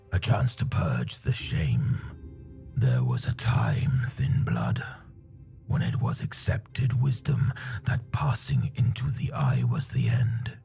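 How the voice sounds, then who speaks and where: A man's voice: gravelly, dark tone, full character voice. A man doing a growling wounded warrior. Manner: low, growled, often half-whispered. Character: wounded, weary male warrior, grim and bitter.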